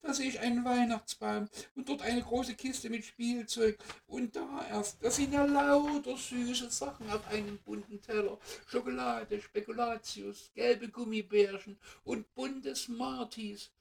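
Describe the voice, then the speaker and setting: A man doing squeaky excited mouse kids. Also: distant mic, slight background noise. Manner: high, eager and quick. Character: excited little mouse children, eager and chattering.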